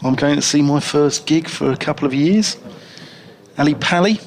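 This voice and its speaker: Gravelly cricket commentator, jokey. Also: male voice, on the high side, normal speed. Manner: jokey, rambling, chatty between balls. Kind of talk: radio cricket commentary with chat.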